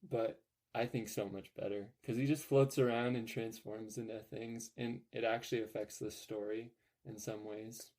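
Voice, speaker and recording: Young male podcast host, mellow tone, rambling and upbeat, filler-heavy. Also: lowish voice, level tone, normal speed. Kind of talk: casual podcast chat.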